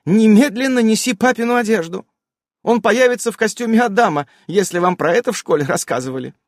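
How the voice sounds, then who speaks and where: A fussy, flustered witch wife, put on by a male narrator, scolds and chirps in a raised, lively voice. The sound is dry and close to the mic. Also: brisk, dry recording. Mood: scolding. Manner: high, scolding, exaggerated chirping.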